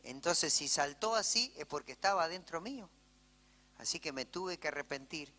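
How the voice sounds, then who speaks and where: A man's voice: on the high side, animated, normal speed, bright, forceful tone. A male pastor with an Argentine Spanish accent preaching a sermon in church, telling stories conversationally and checking in with "¿sí?". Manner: conversational storytelling, frequent "¿sí?" asides to the congregation. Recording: church hall reverb.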